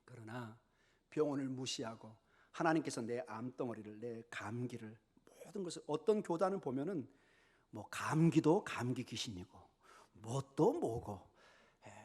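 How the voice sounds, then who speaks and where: A man preaching a sermon as a pastor in a church, telling a story with lively acted-out voices and sudden whispers. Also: mid-range voice, normal speed, breathy edge. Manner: animated storytelling, acts out characters, drops to whispers. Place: church sanctuary.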